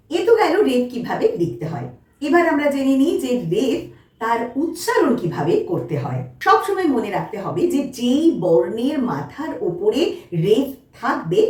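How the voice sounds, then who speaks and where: A woman teaching a children's spelling lesson, slow and patient, repeating each word twice. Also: fairly high pitch, a little mellow. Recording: echoey room, mic at a distance.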